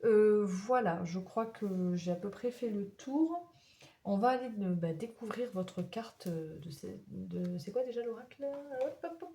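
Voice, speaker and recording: A woman doing a spiritual oracle card reading for her viewers, talking gently and encouragingly, often pausing to search for words. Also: medium pitch, gravelly. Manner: halting, searching for words as she goes.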